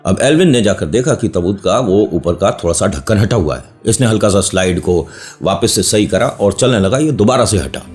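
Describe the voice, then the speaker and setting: A man's voice: on the low side, animated, fairly quick, a little mellow, soft background music. A man casually telling a horror story, breaking off often to joke with his listeners. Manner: chatty, joking asides to listeners, playful digressions. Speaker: storyteller host.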